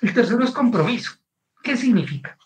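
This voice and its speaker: A man with a Colombian accent, appearing as a guest author, tells a personal story in conversation, animated and often checking in with his listener. His voice is extremely high, his pace brisk, and the recording is low quality.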